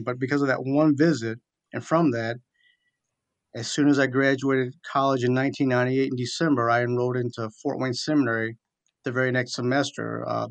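A middle-aged American military chaplain, appearing as an interview guest, tells his personal story conversationally and in methodical detail. His voice is medium-pitched, with no echo.

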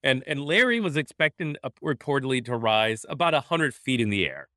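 A man's voice: medium pitch, very animated, fairly quick, bright, forceful tone, no room sound, clean studio sound. A man, a pastor co-hosting a casual faith podcast, talking in an easygoing way and laughing often. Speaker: pastor, co-host. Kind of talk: casual chat on faith topics.

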